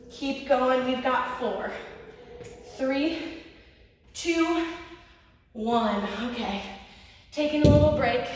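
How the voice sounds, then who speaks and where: A woman's voice: on the high side, a bit bright, slight background noise. Woman, fitness instructor, encouraging, counting down, slightly breathless, long echo, distant mic. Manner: encouraging, cueing each move step by step. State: a little out of breath. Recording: echoey room, voice from off-mic.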